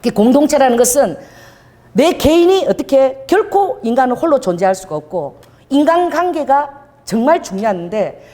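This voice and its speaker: A woman pastor delivering a sermon in an animated, conversational storytelling manner. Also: sits high, moderate pace, in a large hall. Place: church hall.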